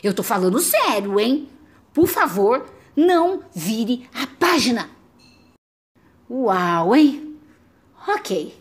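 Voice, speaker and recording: A woman's voice: very animated, slow, pauses often. A woman voicing a desperate male storybook character who melodramatically begs the reader not to turn the page. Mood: pleading. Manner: frantic, melodramatic pleading with wild pitch leaps.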